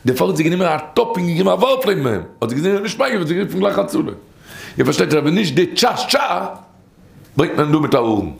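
A man's voice: fairly high pitch, very animated, fast, gravelly. A man telling a story and teaching from a midrash in an informal, rambling way, often repeating phrases and restarting.

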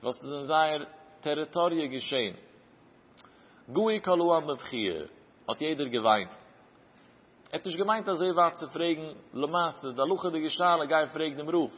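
A man's voice: on the high side, lively intonation, normal speed, pauses often, slightly rough. A man teaching a traditional Talmud lecture, chanting the source text and explaining it through questions. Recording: dull lo-fi recording with long hall reverb.

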